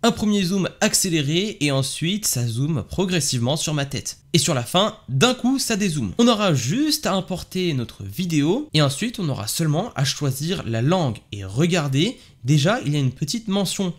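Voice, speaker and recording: A man hosting a software tutorial, explaining eagerly and step by step. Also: fairly high pitch. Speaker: tech video host. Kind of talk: screen-share software tutorial.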